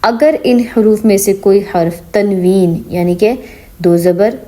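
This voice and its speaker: A woman leads a patient online lesson on reading the Quran. Her voice is mellow and warm, set at a middle pitch for a woman. She blends English words into her speech and keeps asking whether each point is clear. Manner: mixes English words into Urdu.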